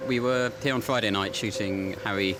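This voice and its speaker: Low male voice over loud music. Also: steady tone, fairly quick. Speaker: film crew member. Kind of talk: behind-the-scenes interview.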